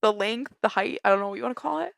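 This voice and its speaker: A woman co-hosting a casual podcast, animated and exasperated, swearing freely. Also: a little high, very fast, vocal fry, no room sound. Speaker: podcast co-host. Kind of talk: casual chat.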